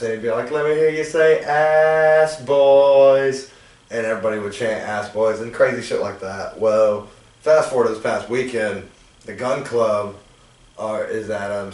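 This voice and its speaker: Animated, cussing man host, echoey room. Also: lowish voice. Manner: animated storyteller, acts out quotes loudly, swears casually. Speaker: podcast host. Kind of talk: casual chat, storytelling. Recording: echoey room, far from mic.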